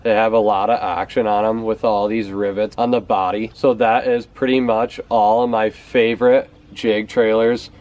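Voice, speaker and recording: The young adult fishing vlogger has a lowish, darkish voice and a flat delivery, keeping a moderate pace with hardly any pauses. He talks casually to camera outdoors on a house's back porch steps, showing his favorite baits and frequently repeating words for emphasis.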